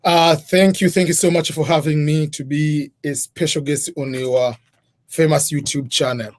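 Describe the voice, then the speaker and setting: A man's voice: fairly high pitch, fairly even intonation, moderate pace. A middle-aged man from Tanzania, a guest in an interview, explaining methodically in numbered points. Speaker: guest, scholarship advisor.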